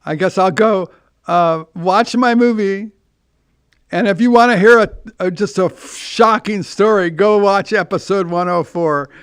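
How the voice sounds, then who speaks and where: A man's voice: sits high, measured pace, clear, resonant tone, dry recording. An older man hosting his own podcast, rambling casually with plenty of swearing and repeated words. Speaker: podcast host. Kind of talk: casual monologue.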